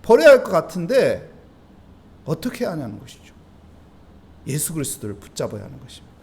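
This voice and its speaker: Male pastor with a Busan accent, high and animated, preaching at dawn and asking the congregation questions. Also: a little fast, a little hiss or hum. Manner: preaching with rhetorical questions and acted-out prayers. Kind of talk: dawn service sermon.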